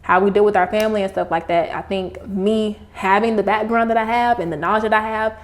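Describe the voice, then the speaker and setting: A woman's voice: mid-range voice, steady tone, fairly quick. Young female podcast host, casual and conversational, slight lisp from wearing retainers. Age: young adult. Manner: speaking with retainers in. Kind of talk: casual chat.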